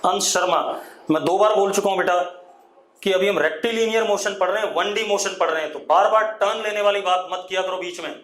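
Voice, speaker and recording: A man's voice: sits high, fairly bright tone, echoey room. Strict Indian male physics teacher. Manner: strict, scolding, addresses students as 'beta'; slow dictation of terms, drawn out. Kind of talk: online class lecture.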